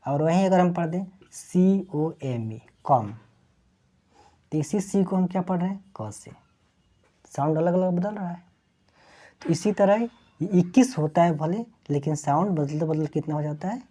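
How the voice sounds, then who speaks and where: Slow, low-voiced woman teaching step by step. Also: dark tone. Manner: keeps asking questions back to students and repeating answers. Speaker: English teacher. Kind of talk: classroom lesson explaining letter sounds.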